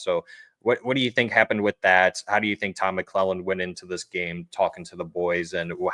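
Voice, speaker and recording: Deep-voiced man hosting sports chat. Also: no echo. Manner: easygoing, steady, asks his co-host questions. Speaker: podcast host. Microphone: home desk microphone.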